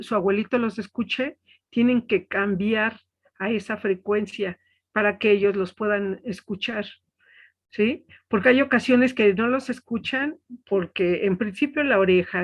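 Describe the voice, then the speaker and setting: Profesora mexicana explicando en clase en línea. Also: female voice, a little high. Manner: explains step by step, checks in with "¿sí?". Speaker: teacher. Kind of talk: online class lecture. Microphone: webcam.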